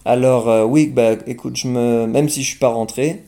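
This guest singer-songwriter, a young man from France, chats at a normal speed in a warm, low voice roughened by fry. His delivery is hesitant, full of fillers and restarted sentences, while his mood stays easygoing and mellow.

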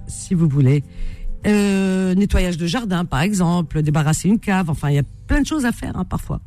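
A woman hosting a live call-in radio classifieds show, talking quickly in a chatty, teasing way and repeating callers' details. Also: mid-range voice, mellow.

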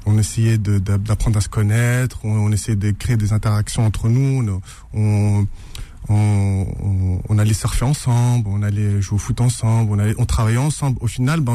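A low, mellow male voice from France, talking as an interview guest. He speaks haltingly, pausing on fillers and restarting his sentences. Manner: hesitant, many fillers and restarts. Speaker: author guest. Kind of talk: radio interview.

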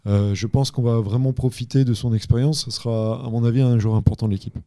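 A man who is an assistant basketball coach, answering podcast questions carefully and deliberately. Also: mid-range voice, steady tone, dark tone, dry recording, studio quality.

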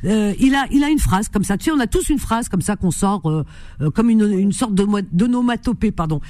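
A woman from Algeria hosting a radio call-in show in casual chat, lively and teasing, laughing often. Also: mid-range voice, brisk, dry recording, clean studio sound.

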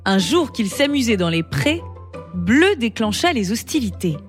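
Female storyteller, expressive bedtime-story narration, slightly high voice, over music. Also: measured pace. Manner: expressive, melodic reading. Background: background music.

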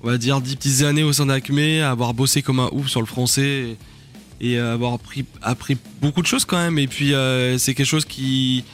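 A man's voice: medium pitch, steady tone, normal speed. A man with a French accent speaks in a mid-range voice, with faint music behind him. He talks in a casual, slangy way, as a guest in a radio interview, and often gropes for the next word. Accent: French from France. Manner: hesitant, slangy, searching for words. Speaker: band singer and lyricist, interview guest.

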